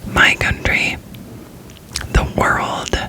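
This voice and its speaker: A young American woman from Florida whispers an informal, unscripted ASMR ramble, breathy and up close to the microphone. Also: drawn-out words, bright, forceful tone, poor audio. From Florida, United States. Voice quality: whispering throughout, breathy and unvoiced. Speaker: ASMR creator.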